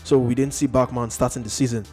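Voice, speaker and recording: A man's voice: mid-range voice, steady tone, fast talker, warm tone, slightly rough, soft background music. A man hosting a casual sports chat, hesitant and full of fillers. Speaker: sports show host.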